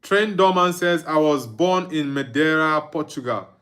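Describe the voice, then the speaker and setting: A man's voice: fairly high pitch, moderate pace, fairly bright tone. A young man from Nigeria hosting a live football watchalong, chatting casually, reading viewer comments aloud and humming along. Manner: reads viewer comments aloud, chuckles, hums and sings under his breath. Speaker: watchalong streamer.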